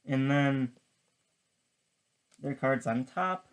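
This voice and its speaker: A person giving casual card magician patter in a step-by-step tutorial, explaining in halting, piecemeal phrases. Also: medium pitch, clean tone. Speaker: card trick tutorial presenter.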